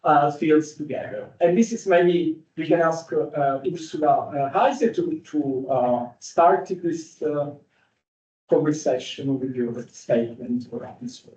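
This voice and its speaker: A man's voice: on the high side, slow pace, a little mellow. A man moderating an academic panel, hesitant and full of filler sounds, in a seminar room. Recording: echoey room, distant dull mic.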